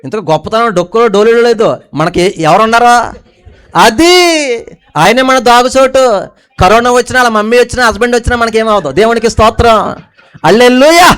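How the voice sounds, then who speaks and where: Pastor guy preaching, high smooth voice, keeps asking the crowd stuff, loud then quiet. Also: a little fast. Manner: preaching with call-and-response questions to the congregation; swings between loud emphatic lines and quiet low asides. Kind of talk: sermon.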